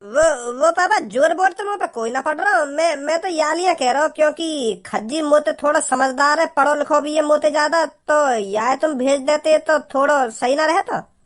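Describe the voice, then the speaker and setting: A performer doing Bhajji, a squeaky cartoon bumpkin. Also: moderate pace, lightly acted. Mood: pleading. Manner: rambling, naive, stammering. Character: silly simple-minded village young man. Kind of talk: cartoon comedy voice acting.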